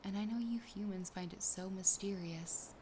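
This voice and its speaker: A woman voices a young siren who is sassy and wistful for an ASMR roleplay, her mood fascinated and longing. She speaks at normal speed in a natural, mid-range voice that's soft, breathy, close-miked, and frequently whispered, over clear background noise.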